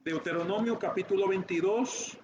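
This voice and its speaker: A man preaching a Bible sermon to his congregation, halting with restarts and frequent "¿verdad?" asides. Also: sits high, darkish tone. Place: church hall. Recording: echoey room, dull lo-fi sound with noise.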